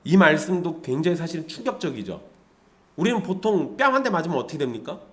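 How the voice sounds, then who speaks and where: Man, pastor delivering a lively conversational sermon, voice a bit high with wide swings. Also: fast talker. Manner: lively, conversational preaching with rhetorical questions to the congregation.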